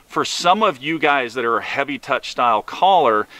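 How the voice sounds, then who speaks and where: A man reviews hunting calls in a casual, instructional way, folksy and informal, repeating himself as he goes. His mid-range voice is pushed and bright, with lively intonation at normal speed and no echo.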